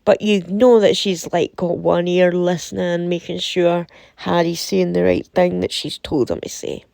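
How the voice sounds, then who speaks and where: A woman from the UK with a sore throat, giving casual, opinionated commentary in a deliberate, emphatic way, repeating phrases for effect. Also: fairly low pitch, steady tone, gravelly, warm tone, dry recording, studio quality. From United Kingdom. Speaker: commentator reading and reacting to a website.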